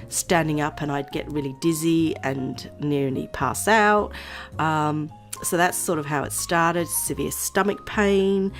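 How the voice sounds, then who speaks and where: A woman vlogger chatting casually to her viewers, her voice nasal and hoarse from a cold, rambling and laughing often. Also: low voice. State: voice going hoarse. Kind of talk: casual chat to camera.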